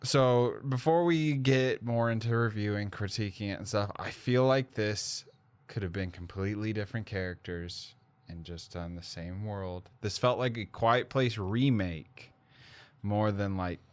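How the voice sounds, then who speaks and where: A man's voice: on the low side, unhurried, clean tone, no room sound. Rambling male podcast host, dry sound. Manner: rambling, filler-heavy, self-correcting. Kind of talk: casual movie review chat.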